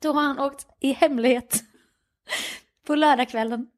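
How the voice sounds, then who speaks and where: A young woman co-hosting a podcast, retelling a story with animated quoted dialogue and frequent laughter. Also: high voice. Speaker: podcast co-host. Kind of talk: casual chat, storytelling.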